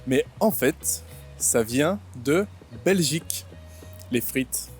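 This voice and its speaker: A man in his twenties from France, hosting a vlog and explaining things simply, with slow, clear speech that repeats and rephrases. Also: a little high, lively intonation, faint music behind. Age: 20s. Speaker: vlog host and French teacher. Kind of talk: slow comprehensible-input vlog narration. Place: outdoors in a city.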